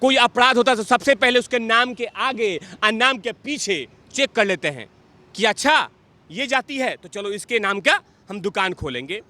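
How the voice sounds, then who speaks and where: A man's voice: extremely high pitch, expressive, normal speed, bright, forceful tone. A man giving heated political commentary, combative and mocking, repeating phrases for emphasis.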